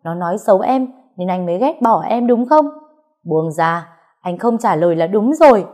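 A woman voicing a spiteful young female rival who whines and accuses in a shrill, raised voice. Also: expressive, moderate pace, warm tone, natural voice. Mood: shrill accusing.

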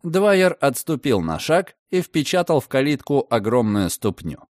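A man reading a novel aloud as audiobook narrator, in an expressive, dramatic way. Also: mid-range voice, normal speed, dry recording, clean studio sound. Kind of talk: scripted narration.

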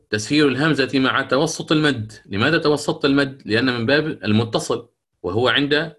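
Lecturing on how the Quran should be recited, a middle-aged man with a slightly high, fairly bright voice asks questions and then answers them himself. He slowly chants verses to illustrate his points.

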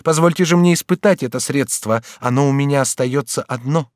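A man's voice: medium pitch, no echo, clean studio sound, pitched above the performer's own voice, close to an everyday voice. A man voicing a resolute, grave young woman in an audiobook, speaking firmly and earnestly. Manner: firm, earnest, measured.

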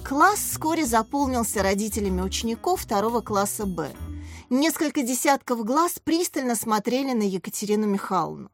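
A woman's voice: fairly high pitch, lively intonation, normal speed, faint music behind. Woman narrating a story. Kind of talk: audiobook narration.

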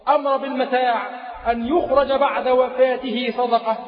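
A man's voice: very high-pitched, fairly even intonation, normal speed. A man preaching a sermon in a chanting, sing-song delivery, repeating key phrases. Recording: echoey lo-fi mosque recording.

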